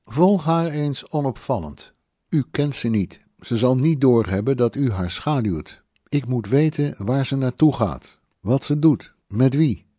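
A man's voice: medium pitch, expressive, measured pace, mellow, dry recording, studio quality, voice pushed up. A man voicing a curt, flustered woman of about sixty in an audiobook. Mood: brusque. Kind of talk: audiobook character voice.

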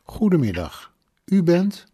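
A male audiobook reader voicing a startled, stern middle-aged mother and grandmother who asks sharp, alarmed questions. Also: sits high, sing-song, takes it slowly, husky, pitched above the performer's own voice, heavily acted. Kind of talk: audiobook narration.

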